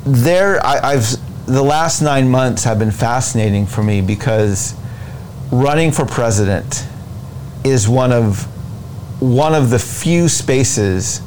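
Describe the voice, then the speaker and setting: An American man giving deliberate, emphatic explanations as an interview guest, often repeating phrases to build a point. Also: medium pitch, a little mellow, low-quality recording. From United States. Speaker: interview guest, presidential candidate. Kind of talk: explanatory political interview talk. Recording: noticeable background noise.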